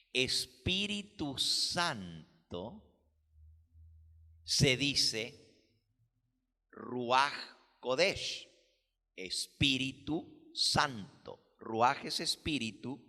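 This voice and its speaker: A man preaching a sermon as pastor, teaching slowly and deliberately, explaining words with care. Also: medium pitch, pushed and bright, big-room sound. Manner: slow, deliberate teaching with careful word explanations.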